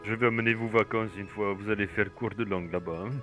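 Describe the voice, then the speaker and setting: A man with a low voice plays a character in a game role-play. He talks in halting, broken French, and faint music plays in the background. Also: steady tone.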